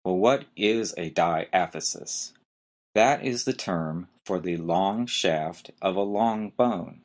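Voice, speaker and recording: A man with a low voice hosts a medical terminology podcast, taking it slowly as he teaches. He spells each term letter by letter and carefully points out which syllables carry the stress.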